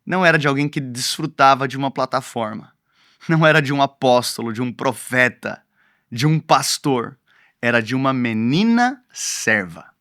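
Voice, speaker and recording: A man's voice: fairly high pitch, fairly bright tone. A man preaching a sermon, emphatic and repeating key phrases for his listeners to write down.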